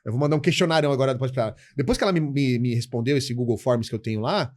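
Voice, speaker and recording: A middle-aged man talks on a casual podcast. He tells animated stories about clients and acts out both sides of their exchanges. His voice sits at a middle pitch and sounds dry and close. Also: very fast, no echo. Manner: animated storytelling, acts out client dialogues, says "cara" often. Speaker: guest, insurance educator.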